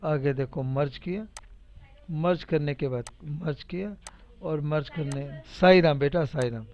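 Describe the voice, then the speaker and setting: This man's voice is a little high, and he keeps a measured pace as a computer teacher walking through a casual live spreadsheet lesson. He chats, repeats himself, teases, and encourages along the way, all captured on a dull, lo-fi recording.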